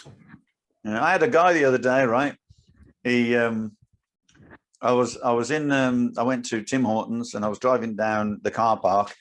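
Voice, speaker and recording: An older man, a podcast co-host telling an animated story in casual chat. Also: mid-range voice, normal speed, long pauses. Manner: animated storyteller, acts out his own lines.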